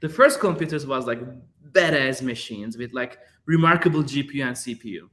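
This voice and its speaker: Answering interview questions in a searching manner, a Turkish-accented guest artist from Turkey in his thirties keeps using fillers and repeated words. His medium-pitched voice is expressive, brisk, and sharp in tone.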